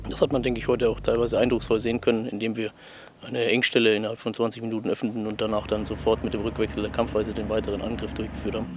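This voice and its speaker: A man's voice: lowish voice, little pitch movement, rapid-fire. A man, an army company commander, explaining things in an interview. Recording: outdoor noise with vehicles.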